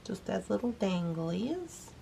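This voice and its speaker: Taking it slowly, a woman with a medium-pitched, mellow voice full of vocal fry sounds very animated as she hosts a beading tutorial. She is a bit sniffly and explains each step in a chatty, easygoing way while working. There's slight background noise in this casual craft demonstration.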